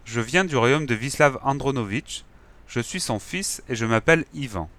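A man's voice: medium pitch, lively intonation, moderate pace, fairly bright tone, natural voice. A man doing an earnest young prince.

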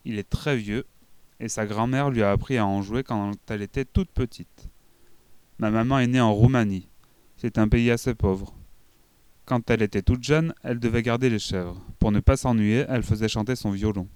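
A man reading a children's book aloud in an expressive storytelling manner. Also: on the low side, moderate pace, clean tone, no room sound. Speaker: audiobook reader. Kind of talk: scripted narration of a children's book.

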